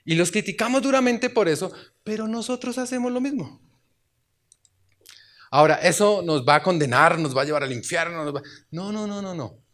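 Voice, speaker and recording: Preaching to his church, this high-voiced man talks at a moderate pace, converses with the congregation, asks rhetorical questions and now and then cries out loudly.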